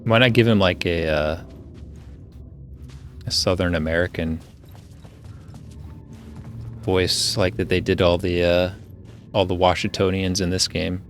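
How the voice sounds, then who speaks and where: A man's voice: low-pitched, steady tone, a little slow, long pauses, faint music behind. A young man streaming a game from a home room, rambling casually with lots of filler words into a desk mic. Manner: rambling, filler-heavy musing. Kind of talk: casual gameplay commentary.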